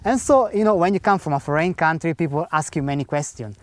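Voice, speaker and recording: A man whose first language isn't English tells a personal faith testimony with real earnestness, acting out the dialogue in simple grammar. His voice sits a little high and moves quickly, full of animation.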